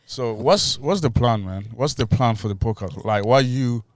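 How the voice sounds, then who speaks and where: A young man from Burundi co-hosts a casual podcast, rambling easily with fillers and restarts. His voice is smooth and resonant, and the recording is dry and close. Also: medium pitch, normal speed, dry recording. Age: young adult. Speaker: podcast co-host.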